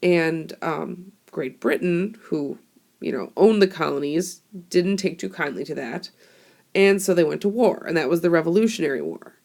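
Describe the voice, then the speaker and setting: In her classroom screencast, a young teacher with a cold talks animatedly at normal speed, explaining history casually with fillers. She records on a tablet mic, and her low voice is creaky, hoarse and a little mellow.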